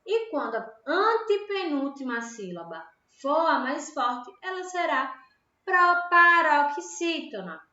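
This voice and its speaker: Slow, lively Brazilian woman teacher. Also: sits high. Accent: Brazilian Portuguese. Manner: slow, patient, asks questions and answers them herself. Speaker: primary school teacher. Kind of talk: recorded online grammar lesson. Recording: echoey room, dull lo-fi home recording.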